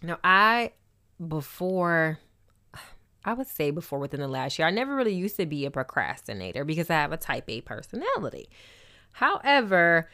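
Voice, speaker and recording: Candid, expressive woman host with a deep voice and dry studio sound. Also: smooth, no echo. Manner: expressive, candid, wry asides. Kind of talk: casual personal talk.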